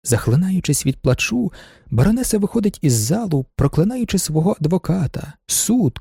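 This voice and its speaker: A man reading a classic novel aloud as an audiobook narrator, dramatic and lively, giving each character a voice. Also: fairly high pitch, creaky, slightly rough, no room sound, studio quality. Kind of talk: scripted literary narration with acted dialogue.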